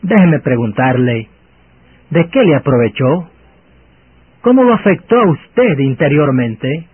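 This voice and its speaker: A man preaching a sermon over a radio in a deliberate, emphatic, oratorical manner, with rhetorical questions. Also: fairly high pitch, animated, husky, no echo. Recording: over a radio, narrow phone-like band, muffled.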